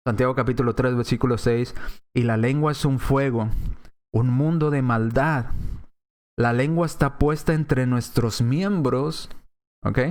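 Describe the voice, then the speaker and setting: A man preaching a sermon in a conversational way, slipping into other voices to act out quoted speech. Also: mid-range voice. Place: church.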